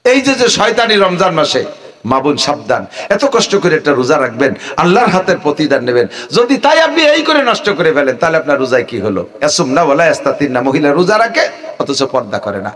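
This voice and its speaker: Preacher guy, voice jumping all over, a bit high. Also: a little fast. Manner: animated, swings from high shouts to low mutters, acts out villagers. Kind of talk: comic Bengali waz sermon.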